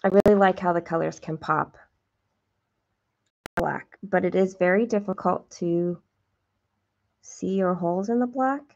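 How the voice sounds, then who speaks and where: Host of a stitching livestream: a woman with a slow, gravelly voice who chats warmly with viewers; dull lo-fi sound. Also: on the low side. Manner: chatty, self-deprecating, talks to viewers while counting stitches. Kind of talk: casual stitching livestream chat.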